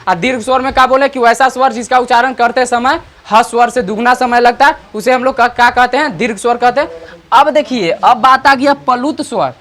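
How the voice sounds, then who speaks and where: An online teacher, explaining grammar slowly and repeatedly checking understanding with rhetorical questions. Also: mid-range voice, a bit bright. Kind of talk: grammar lesson.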